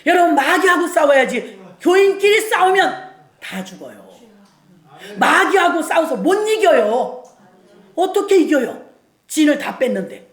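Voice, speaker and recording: A woman's voice: very high voice, sing-song, a little slow. A woman guest pastor preaching a sermon in a church, emphatic, repeating key lines and calling for amens. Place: church sanctuary. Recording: roomy church hall echo.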